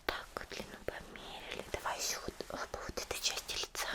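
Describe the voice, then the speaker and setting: In this ASMR roleplay, a woman whispers directly to the listener. Her manner stays tender and unrushed, full of care, and she sprinkles in affectionate pet-name diminutives.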